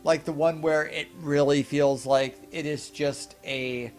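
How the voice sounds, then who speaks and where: A young man with a fairly high voice chats loosely about a movie, circling back and correcting himself. He throws in lively asides. Faint music plays underneath. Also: a little slow. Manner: rambling, self-correcting, animated asides. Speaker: podcast co-host. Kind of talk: casual film review chat.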